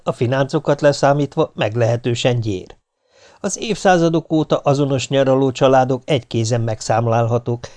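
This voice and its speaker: A man reading a humorous first-person audiobook, telling the story in a wry, animated way. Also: mid-range voice. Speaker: audiobook narrator.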